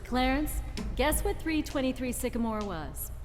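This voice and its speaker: A woman acting a kindly storyteller in a 1940s-style radio play, explaining the tale clearly to a listener. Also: high voice, animated, normal speed. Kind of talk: scripted radio play narration. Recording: reverberant hall, music underneath.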